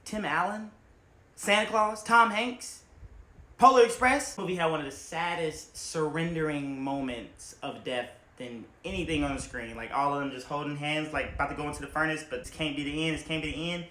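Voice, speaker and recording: A young man doing a comedic movie ranking, animated and jumping into loud, high shouted bits. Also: moderate pace, echoey room. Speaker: movie reviewer.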